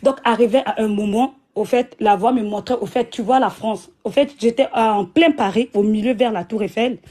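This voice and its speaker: Woman, fairly high and mellow voice, earnest testimony, lots of restarts. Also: moderate pace. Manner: repetitive, retells with many fillers and restarts. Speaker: guest giving a religious testimony. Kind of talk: emotional personal testimony.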